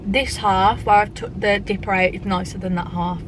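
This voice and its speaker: A woman's voice: mid-range voice, fairly even intonation, normal speed, background noise. A young woman vlogging a casual food review, talking bluntly through a mouthful of burger. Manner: blunt, chatty, lots of "like".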